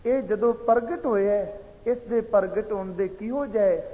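A man giving a slow, measured sermon that explains recited verses, heard as tinny sound in a reverberant hall. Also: high-pitched. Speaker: preacher. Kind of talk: katha sermon.

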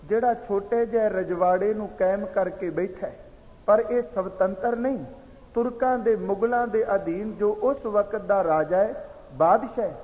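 A man giving a slow, measured sermon that explains recited verses, heard as tinny sound in a reverberant hall. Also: high-pitched. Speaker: preacher. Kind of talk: katha sermon.

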